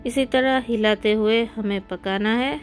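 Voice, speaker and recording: A woman's voice: on the high side, fairly even intonation, unhurried. A woman hosting a cooking channel, giving friendly step-by-step recipe instructions in a voice-over. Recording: soft background music.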